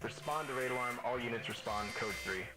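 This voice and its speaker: Police radio dispatcher, rapid-fire radio calls, music bed up high. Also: male voice. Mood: urgent. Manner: clipped, official dispatch delivery. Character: male police radio dispatcher, brisk and official. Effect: police radio transmission, distant.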